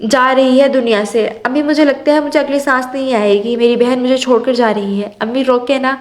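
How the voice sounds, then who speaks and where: A woman's voice: high-pitched, steady tone, brisk, natural voice. A woman voicing a young woman frantic and tearful over her sister in a storybook reading. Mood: desperate. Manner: pleading, tearful.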